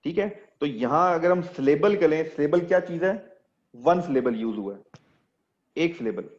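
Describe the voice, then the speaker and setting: A man's voice: on the high side, expressive, moderate pace. Man teaching in a lo-fi online class. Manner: explains step by step, quizzing students. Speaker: English teacher.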